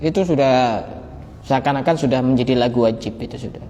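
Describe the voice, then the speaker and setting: A man's voice: medium pitch, fairly quick, dark tone. A man giving a religious study talk, conversational and joking, acting out exchanges with students. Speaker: preacher. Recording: long hall reverb, faint background noise.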